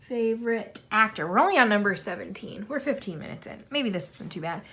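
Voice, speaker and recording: A lively, slightly fast mid-range voice, bright and forceful yet husky, comes from a woman in her thirties. As a YouTuber filling out a tag questionnaire, she chats casually to camera while coloring, rambling, self-deprecating and leaning heavily on fillers.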